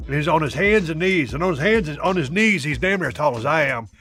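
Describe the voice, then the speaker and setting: Man, slightly high voice, emphatic punchy storytelling, faint music. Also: expressive, quick pace, a bit bright. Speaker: wrestler telling a story. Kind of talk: interview storytelling.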